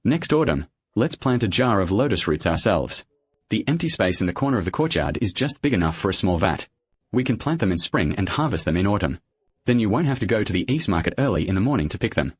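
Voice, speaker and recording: Period drama dub: an understated, loyal husband, lowish raspy-edged voice. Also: male voice, big pitch swings, quick pace, no room sound. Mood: content. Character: reserved, devoted husband, a ledger-keeping manager.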